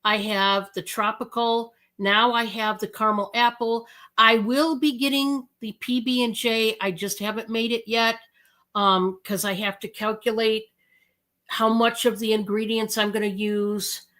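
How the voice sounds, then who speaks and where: Slow, chatty American woman selling live. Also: on the high side, flat delivery, pushed and bright. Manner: chatty, slow and drawn out, many fillers. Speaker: live-stream seller. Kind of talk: casual live sales chat.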